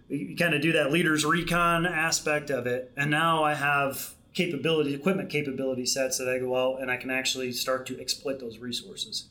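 Man, middle-aged, measured, restarts often, interview guest. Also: fairly high pitch, bright, forceful tone. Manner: measured, explanatory, many restarts and fillers. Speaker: Marine Corps program manager, guest. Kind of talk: podcast interview.

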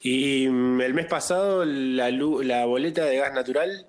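A man with a Rioplatense Spanish accent, deadpan, telling a personal story in a casual comedic chat. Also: mid-range voice, measured pace, soft background music. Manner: deadpan, peppered with "viste".

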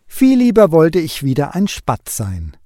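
A man voicing a small, discontented male sparrow who keeps wishing to be something else, in a lively storybook reading. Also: on the high side, unhurried, no echo, studio quality. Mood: plaintive.

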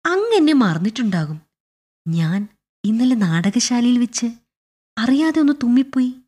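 A woman's voice: medium pitch, big pitch swings, measured pace, darkish tone, breathy edge, voice pushed up, full character voice. A woman voicing a timid, anxious male government clerk who keeps apologizing in a pleading, fretful voice.

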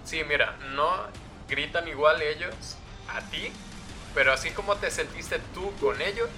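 A man's voice: on the high side, measured pace, sharp tone, soft background music. A man with a Mexican Spanish accent chatting casually in an easygoing, teasing way. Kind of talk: casual chat.

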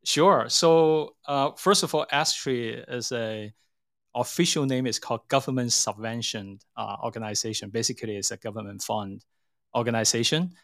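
A middle-aged tech company CEO with a Hong Kong accent answers interview questions hesitantly, explaining things and often rewording as he goes. His mid-range voice is a bit bright and moves at a moderate pace.

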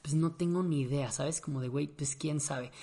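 A young man with a Mexican accent, casually telling an animated, slang-filled story to his audience and acting out his own reactions. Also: a little high, normal speed.

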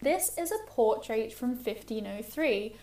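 A woman's voice: a little high, expressive, unhurried, darkish tone. A young woman co-hosting a podcast, chatting in a wry, easygoing way. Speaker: podcast co-host. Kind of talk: casual chat. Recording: echoey room with faint music.

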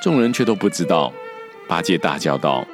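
A man narrating a storybook for children in a slow, deliberate telling. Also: low voice, very animated, over music.

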